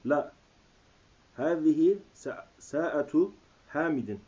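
A man reading aloud and translating as a student in a lesson, hesitant and halting, recorded on old worn cassette tape. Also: on the high side, darkish tone, breathy edge, muffled recording. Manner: hesitant, halting with filler sounds.

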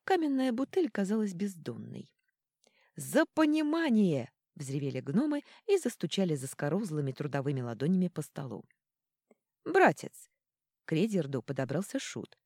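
A woman reading a fantasy audiobook in an animated, theatrical way on a close mic. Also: low voice, a little fast, hardly any pauses, no room sound. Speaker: audiobook narrator. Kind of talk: expressive audiobook narration.

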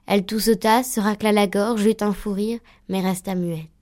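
A woman storyteller narrating a tale in a lively, vivid way. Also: mid-range voice, normal speed.

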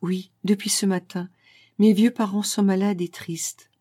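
Soft-spoken heartbroken young woman, voiced by a female storyteller, warm dark tone, dry close sound. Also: mid-range voice, flat delivery, measured pace, no echo, natural voice. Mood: sad tender. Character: wounded proud young woman, gentle and sad.

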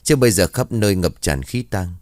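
A man's voice: deep voice, animated, fairly quick, darkish tone, no echo, studio quality. A man doing a blunt, scornful old village woman. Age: older.

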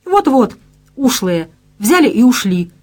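A woman's voice: on the high side, big pitch swings, measured pace, pitched above the performer's own voice. A woman reading an audiobook and voicing a brash, gossipy young female office designer. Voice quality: brash, slangy.

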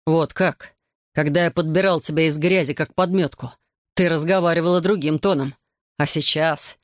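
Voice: medium pitch, steady tone, dry recording, studio quality, natural voice. A reader doing a bitter, controlling husband. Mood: bitter, furious. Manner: hurried, cold, then shouting.

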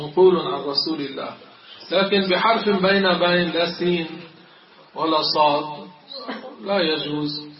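A middle-aged man, a sheikh, teaching a religious lesson on Quran recitation, reciting examples and asking and answering his own questions. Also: on the high side. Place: mosque. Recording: echoey, distant, dull lo-fi recording.

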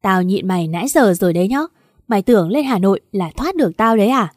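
A man's voice: high-pitched, animated, fast talker, dry recording, studio quality. A woman voicing an abusive, arrogant young ex-husband who talks coarsely. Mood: threatening. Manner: coarse, threatening.

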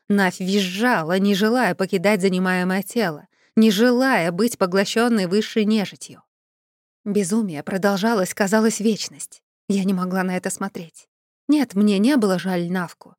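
A woman narrating a first-person fantasy novel in an expressive, dramatic way. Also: medium pitch, normal speed, no room sound, clean studio sound. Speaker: audiobook narrator.

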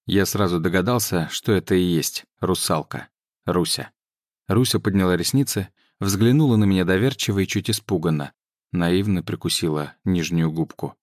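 A man reads an audiobook in a very deep, low voice, even and measured. The sound is dry and close to the mic. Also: dry recording. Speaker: audiobook narrator. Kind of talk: scripted narration.

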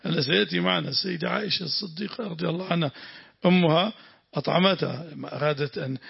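Speaking with a Lebanese Arabic accent, a man whose voice is on the high side, creaky and breathy teaches Quran exegesis. He echoes words after the reader, explains points, and questions his students, all captured in a dull lo-fi lesson recording.

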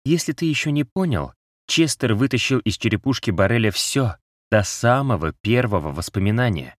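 Man voicing a talking cat, harsh, curt, raised pitch, dry close sound. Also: animated, moderate pace, no room sound, natural voice. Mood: scornful. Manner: curt and biting. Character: harsh, cold-spoken male talking cat. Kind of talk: audiobook character voice.

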